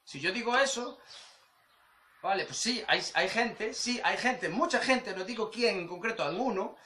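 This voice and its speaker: High, bright-voiced man. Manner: rambling, repetitive, acts out quoted voices. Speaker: surf channel host. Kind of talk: casual vlog monologue. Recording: echoey room.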